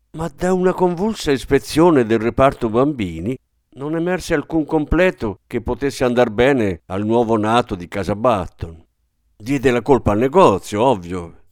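An expressive male narrator reads a literary tale in a measured, storytelling way. His pitch moves in a lively, animated manner. The recording is dry and close. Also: no echo. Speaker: audiobook reader.

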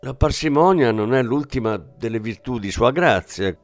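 A pompous little palm reader, as a man reads him aloud in a middle-pitched voice, flattering and measured in his speech. The sound is dry and close, with no room around it. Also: no room sound, soft background music, close to an everyday voice. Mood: smooth pompous. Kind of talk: audiobook reading.

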